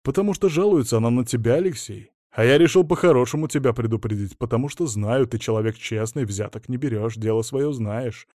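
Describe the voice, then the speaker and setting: A man's voice: medium pitch, brisk, few pauses, a little mellow, no echo, studio quality, natural voice. A man voicing a stern middle-aged male police chief who lectures and scolds his subordinate in an audiobook. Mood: lecturing.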